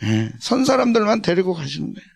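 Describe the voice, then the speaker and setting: A man's voice: high-pitched, very animated, fast talker, gravelly. An older man, a senior pastor, preaching a conversational, emphatic sermon and calling out to his congregation.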